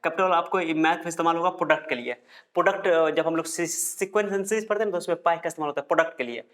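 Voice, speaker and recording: A man's voice: fairly high pitch, rapid-fire, a bit bright. A male teacher from India giving a chatty classroom lecture, repeating terms and joking as he writes on the board.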